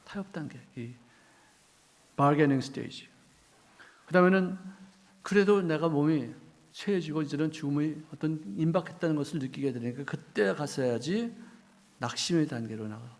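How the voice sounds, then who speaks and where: A middle-aged male pastor preaches, quizzing his congregation and acting out quoted voices, lurching suddenly from loud outbursts to hushed asides. He speaks at a normal speed in a slightly high voice, leaving long pauses.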